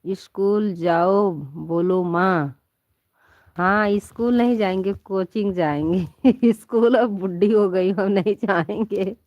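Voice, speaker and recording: A woman's voice: mid-range voice, takes it slowly, no room sound, dull audio. A woman chatting playfully with viewers on a live stream from bed at home, laughing often and calling them her children. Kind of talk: casual live chat with viewers. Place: at home in bed under a quilt.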